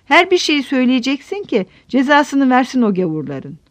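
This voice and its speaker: A woman's voice: high-pitched, very animated, moderate pace, no echo. A woman voicing a bitter, grieving village mother who scolds and urges her daughter. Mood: scolding. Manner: scolding, urging.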